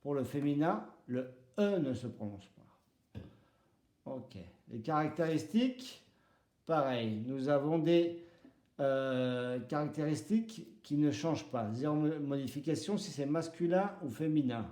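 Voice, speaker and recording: A male French teacher speaks slowly and deliberately with a mellow, warm voice. He repeats each example word and walks through pronunciation rules step by step. The sound carries a roomy echo. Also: a little high, expressive. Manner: spells out pronunciation rules, switching between French and Basque. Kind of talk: slow, deliberate language lesson with repeated example words. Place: home.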